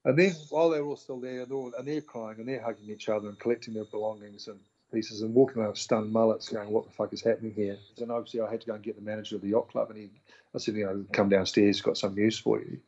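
A man's voice: on the low side, quick pace, lo-fi sound. A man with a New Zealand accent telling his story in casual conversation, acting out the voices of the people he quotes. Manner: animated, acts out quoted dialogue. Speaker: interview guest.

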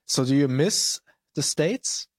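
A man's voice: a little high, animated, takes it slowly, dry recording. A man from Germany hosting a podcast, asking short, hesitant questions in a casual interview. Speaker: podcast host.

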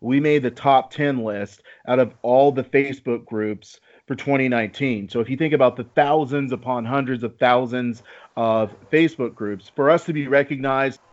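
A man's voice: mid-range voice, moderate pace. Male podcast host, slightly dull audio. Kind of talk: talk show hosting.

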